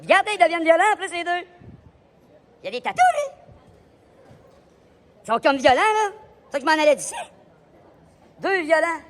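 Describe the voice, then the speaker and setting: A man with a Québécois accent, livestreaming a loud, provocative, rambling monologue in a public place and switching between French and English. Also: extremely high pitch, expressive, normal speed, long pauses. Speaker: live vlogger.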